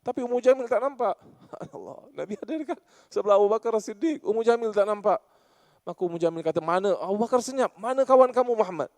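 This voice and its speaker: A man giving an animated religious lecture in a mosque, telling stories and often addressing the congregation. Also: sits high, quick pace, no echo. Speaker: religious teacher.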